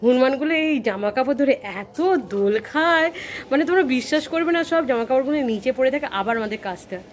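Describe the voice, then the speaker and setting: A woman's voice: high voice, expressive, fast talker. A woman with a Bengali accent chatting casually to viewers in a daily vlog, recorded outdoors on a phone. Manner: chatty, talks to viewers and coaxes her child. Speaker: vlogger. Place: outdoors by fields, then at home.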